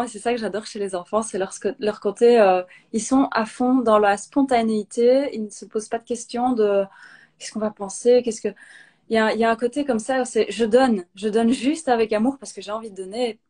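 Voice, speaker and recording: A woman's voice: on the high side, fairly quick, darkish tone. A woman in her thirties, a guest on a live video interview, talking spontaneously with many hesitations and restarts.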